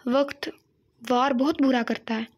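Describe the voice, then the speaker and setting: A woman's voice: sits high, steady tone, unhurried. A woman voicing a sorrowful mother who speaks in a heavy, admonishing tone to her grown son. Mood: mournful reproach.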